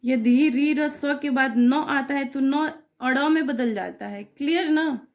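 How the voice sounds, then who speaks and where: A female teacher with a high, darkish voice takes her time through a grammar lesson, patiently explaining each example. She keeps checking on her students with words like "clear?" and "okay."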